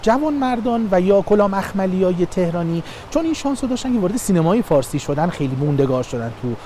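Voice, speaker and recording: A man's voice: high voice, very animated, dark tone, slight background noise. A man who is a linguist, explaining speech forms with examples in a documentary interview.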